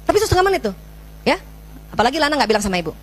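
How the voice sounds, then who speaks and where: A middle-aged woman, a parenting speaker, gives a lively Islamic parenting talk to mothers in a high, rapid-fire voice. She is animated, tells stories, vividly acts out conversations with her child, and calls her listeners "Bu."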